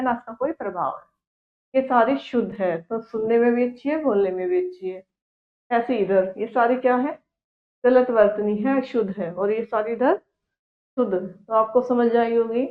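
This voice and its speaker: A woman teaching a grammar lesson to young pupils, speaking slowly, repeating each word and answering her own questions. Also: on the high side. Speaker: Hindi teacher. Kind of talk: classroom lesson for children. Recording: echoey room, tinny phone-like sound.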